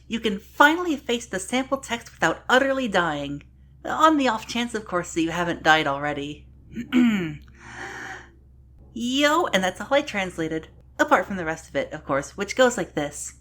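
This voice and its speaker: Lively woman narrating with sarcastic humor. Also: mid-range voice. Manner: deadpan sarcastic asides with sudden dramatic outbursts. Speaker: conlang showcase narrator. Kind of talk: scripted comedic narration.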